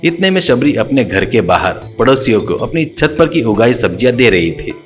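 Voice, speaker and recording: Plain male storyteller, middle pitch, steady scripted narration. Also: moderate pace, soft background music.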